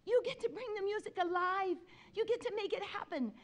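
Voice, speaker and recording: A woman's voice: very high-pitched, expressive, brisk, voice pushed up. A woman putting on the voice of her stern, impassioned male piano professor, with a Spanish accent and an insistent, scolding delivery.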